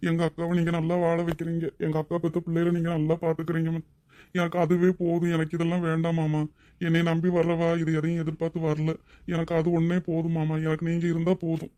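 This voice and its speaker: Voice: mid-range voice, completely flat delivery, fast, mellow, no room sound, lightly acted. A voice actor playing a grateful young policeman and devoted younger brother in a cartoon drama, speaking in an earnest, emotional way. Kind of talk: Tamil cartoon drama voice acting.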